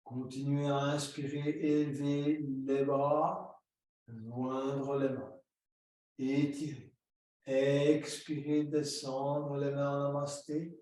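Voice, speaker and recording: A man leading a yoga class, giving slow, calm breathing and posture cues step by step. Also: mid-range voice. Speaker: yoga teacher. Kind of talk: guided yoga instruction. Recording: very echoey room, distant mic.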